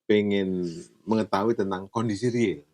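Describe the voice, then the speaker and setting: Man, podcast host, somewhat low pitch, polite questioner, short backchannels. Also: fairly even intonation, normal speed, darkish tone. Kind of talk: casual interview conversation.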